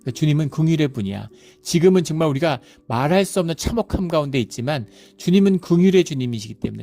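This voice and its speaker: A man's voice: mid-range voice, creaky, dark tone. A middle-aged male pastor preaching a sermon in a conversational way, often adding little fillers and acting out everyday voices.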